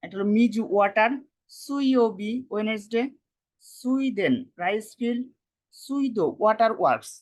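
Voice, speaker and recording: A teacher giving a casual spoken lesson, repeating each word and explaining it slowly in speech. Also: mid-range voice. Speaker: Japanese language teacher.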